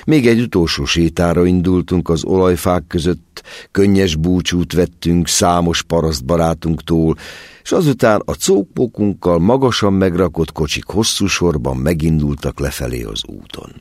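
Deep-voiced man reading a story expressively. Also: animated, a little mellow, dry recording, studio quality. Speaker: audiobook narrator. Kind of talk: scripted narration.

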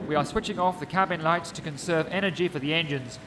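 A man's voice: on the high side, background noise, pitched above the performer's own voice. A man doing a formal airline pilot. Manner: formal, measured announcements. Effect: loudspeaker.

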